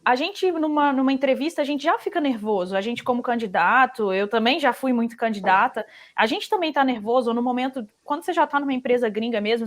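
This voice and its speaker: Fairly high-voiced reflective woman. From Brazil. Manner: reflective, restarts and fillers while thinking aloud. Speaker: panelist. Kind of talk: casual panel talk giving career advice.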